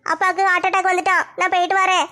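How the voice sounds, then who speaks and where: A woman's voice: very high voice, flat delivery, rapid-fire, pushed and bright. A woman playing a tearful young woman who is crying.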